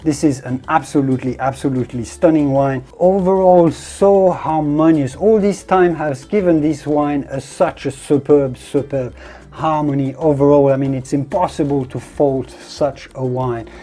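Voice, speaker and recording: Wine reviewer: dark, relaxed tone, descriptive and emphatic delivery, presenting a tasting as an enthusiastic connoisseur. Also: medium pitch, normal speed. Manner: effusive, descriptive, emphatic with repeated superlatives. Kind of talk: presenter-style product review and tasting commentary.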